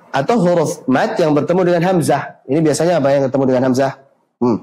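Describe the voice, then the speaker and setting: A man teaching Quran recitation rules online, asking questions and answering them himself, with slow drawn-out recited examples. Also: medium pitch, warm tone, low-quality recording.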